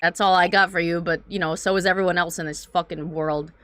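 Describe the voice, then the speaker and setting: A woman's voice: lowish voice, fairly even intonation, a little fast, a bit bright, a little hiss or hum. A woman giving casual, slangy gameplay commentary, swearing freely and reacting with animation. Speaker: let's-play streamer.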